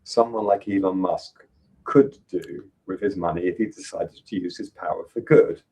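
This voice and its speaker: A man's voice: low voice, moderate pace, warm tone, low-quality recording. A man in his late fifties speaking as a podcast guest, earnest and reflective with frequent fillers. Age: 50s. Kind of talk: interview conversation.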